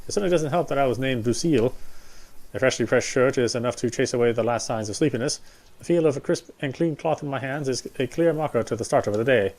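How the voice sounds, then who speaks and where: This medium-pitched man narrates a game character's story at a fast clip, sometimes stumbling and repeating a passage. Music runs quietly behind his reading.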